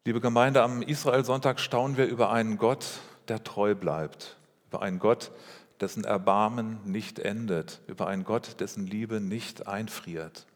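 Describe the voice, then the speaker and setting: A man preaching a sermon as pastor, speaking in a measured way with rhetorical questions and repeated phrases. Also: lowish voice, steady tone. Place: church. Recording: long reverb of a church hall.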